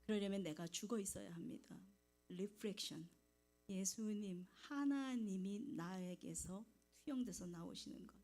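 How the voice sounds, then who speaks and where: A woman in her forties preaching a sermon in a church and telling a personal testimony, with pauses and hushed asides. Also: mid-range voice. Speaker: evangelist preacher. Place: church sanctuary.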